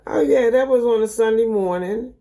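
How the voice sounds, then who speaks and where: A woman's voice: fairly high pitch, moderate pace, warm tone. An older woman with a Baltimore accent, telling family stories in a folksy, rambling, casual way. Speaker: mother sharing memories. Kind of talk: casual chat, storytelling.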